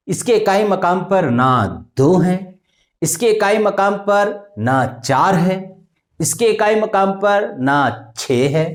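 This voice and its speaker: A man with explains arithmetic in a slow, patient classroom manner. He poses questions to the pupils and chants times tables in a singsong. His voice swings widely in pitch, rising on questions and dropping low at the ends of lines. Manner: recites multiplication tables in a singsong way. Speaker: math teacher. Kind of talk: classroom lesson.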